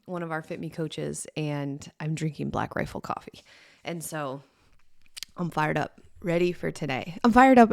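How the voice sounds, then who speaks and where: Hoarse, low-voiced woman chatting casually. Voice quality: rough, scratchy voice. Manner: chatty, rambling, upbeat. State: hoarse, recovering from a sore throat. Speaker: podcast host and fitness coach. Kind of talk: casual morning chat.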